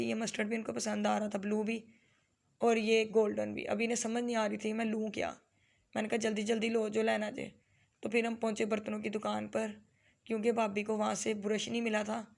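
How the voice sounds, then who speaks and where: This Lahore-born mother voices over her family vlog casually, her flat, gravelly, mid-range voice moving briskly. She speaks with a Lahori Punjabi accent, chatting away and slipping into Punjabi phrases.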